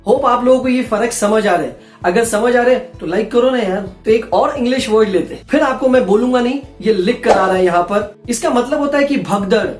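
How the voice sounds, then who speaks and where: A man's voice: extremely high pitch, brisk. A man, a voice-over artist, giving a casual, playful spoken lesson and talking to viewers as friends. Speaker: voice-over artist teaching pronunciation. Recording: roomy echo with faint background music.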